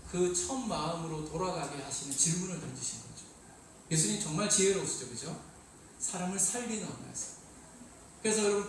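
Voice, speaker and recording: High-voiced man preaching in an echoey hall. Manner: lively, calls on listeners to read along. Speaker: youth pastor. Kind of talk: sermon. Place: church hall. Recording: very echoey hall, distant mic, faint hiss.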